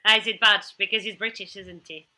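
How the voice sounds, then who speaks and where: A woman talking as a podcast guest in casual chat, quick and agreeable, speaking in bursts. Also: mid-range voice, steady tone, a crowd in the background.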